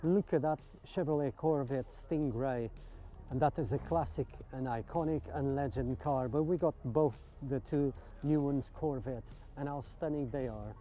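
Enthusiastic man with a dark, mellow voice. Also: medium pitch. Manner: enthusiastic, admiring, many questions to viewers. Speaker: vlogger touring a car meet. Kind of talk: casual walkaround commentary. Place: outdoor car park.

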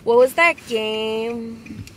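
A woman's voice: on the high side, drawn-out words, rough recording. A young woman chatting casually in a car at night, telling stories in a rambling way full of likes, picked up by a dashboard camera. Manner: rambling storyteller, many likes. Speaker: guest. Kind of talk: casual chat. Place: inside a parked car at night. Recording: car with noise behind.

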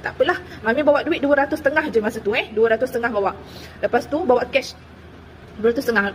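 A woman from Terengganu, Malaysia, telling viewers about a personal experience in a chatty, animated way with many fillers. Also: high voice, slight background noise, low-quality recording. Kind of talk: casual storytelling to viewers.

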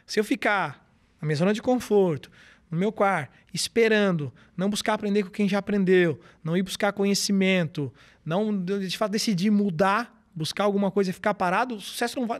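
Male speaker, high voice, animated storyteller. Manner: animated storytelling, acts out quoted dialogue. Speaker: guest speaker. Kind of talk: podcast interview.

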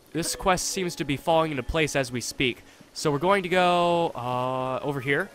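A young man giving casual gameplay commentary, chatty and thinking aloud, with excitable reactions. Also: fairly high pitch. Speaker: let's play host. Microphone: desktop USB condenser mic.

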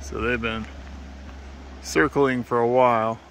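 A thirtyish man who vlogs about travel describes his camping trip in a relaxed, matter-of-fact way, stopping now and then to hesitate. The medium-pitched voice has fairly even intonation and a fairly bright tone, captured on a phone at arm's length outdoors at a forest campsite, with quiet ambient noise.

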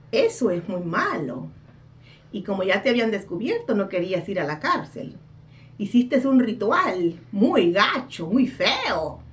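A woman with a mid-range voice, recorded far from the mic, plays a brash female psychic in a dramatic comic card reading. She scolds and mocks, laughing at her own jabs.

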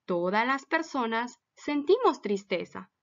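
A woman's voice: a little high, very animated, measured pace, dull audio. A woman teacher giving a recorded lesson for children, patiently asking them many questions.

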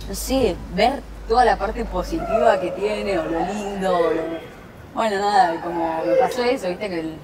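A young woman in her twenties with an Argentine Spanish accent chats casually as a guest, seated at a table on an outdoor terrace, full of fillers and restarts. Her mid-range voice moves at normal speed, picked up by a lapel mic over a loud crowd.

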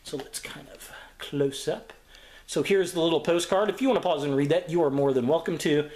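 A man hosting a casual toy review video, talking in a relaxed, rambling way with lots of fillers. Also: fairly high pitch, brisk. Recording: echoey room.

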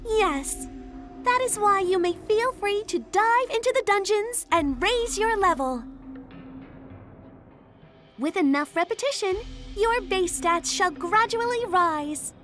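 A woman's voice: extremely high pitch, lively intonation, takes it slowly, fairly bright tone, soft background music, exaggerated voice. A woman playing a polite, eager young angel girl in a video game, explaining things in formal, deferential language. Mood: earnest, polite. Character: polite, chirpy young girl angel serving her lord.

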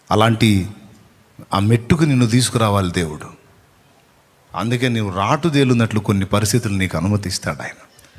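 A man preaching a sermon as pastor, fiery and exhorting, swinging between loud calls and hushed asides. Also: mid-range voice. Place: church. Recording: long reverb of a church hall.

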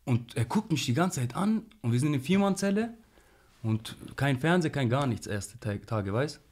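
Young man, street slang, animated storytelling, mid-pitched voice. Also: normal speed. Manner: animated, slangy, frequent "Bruder" and "weißt du". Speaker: interview guest.

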